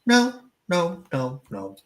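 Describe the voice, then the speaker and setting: A man's voice: high voice, huge pitch swings. Joking, rambling New Jersey man. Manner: rambling, joking, halting restarts. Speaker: channel host. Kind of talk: casual chat.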